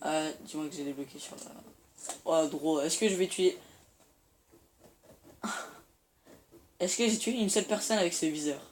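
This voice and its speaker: A man's voice: on the high side, normal speed, long pauses. A teenage boy chatting in slang while he plays a shooter and comments on it. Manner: slangy, rambling, excitable. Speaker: gaming YouTuber. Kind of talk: casual gameplay commentary. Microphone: phone filming the screen. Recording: faint room noise, phone recording.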